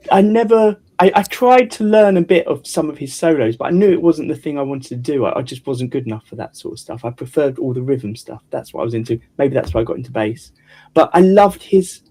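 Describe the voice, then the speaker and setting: A man's voice: a little high, mellow. A man hosting a casual chat about guitar building, rambling with frequent restarts. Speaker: host.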